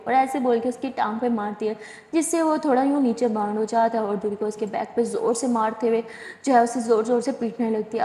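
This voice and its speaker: A woman's voice: a little high, warm tone. Chatty woman storyteller in an echoey room. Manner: chatty, corrects herself. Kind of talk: casual spoken narration of a love story. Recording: echoey room with long reverb.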